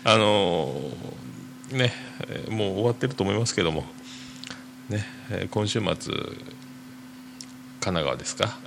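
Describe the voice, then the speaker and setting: A man hosting a podcast, reading listener mail aloud and chatting casually in a rambling, hesitant way full of drawn-out fillers. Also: on the low side, expressive, creaky, background noise. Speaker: podcast host.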